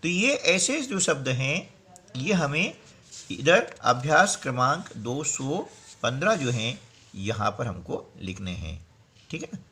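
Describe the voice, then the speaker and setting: A man's voice: medium pitch, very animated, pushed and bright. A man teaching a workbook lesson, explaining step by step and often checking with "है ना". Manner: explains slowly, repeats "है ना" and "ठीक है ना".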